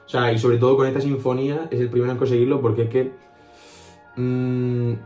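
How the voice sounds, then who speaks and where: A young man talks through music history with his co-host in a relaxed, chatty way, often chiming in to agree. His voice sits at an average pitch. The room is echoey, and faint music plays underneath. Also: brisk. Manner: agreeable, keeps saying "claro" and "efectivamente". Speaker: podcast co-host. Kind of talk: casual chat about music history.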